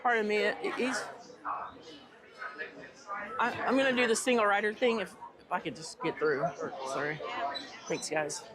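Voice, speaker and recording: A woman's voice: medium pitch, a little slow, pauses often. A woman with an American accent chatting casually as the host of a livestream. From United States. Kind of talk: casual live chat. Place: busy theme park. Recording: busy crowd noise behind.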